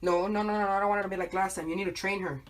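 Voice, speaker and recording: A woman's voice: mid-range voice, steady tone, very fast, slight background noise, lightly acted. A woman playing a threatening male crime boss in an amateur short film, pushy and repetitive. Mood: bossy. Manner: pushy, repeats himself. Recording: distant mic.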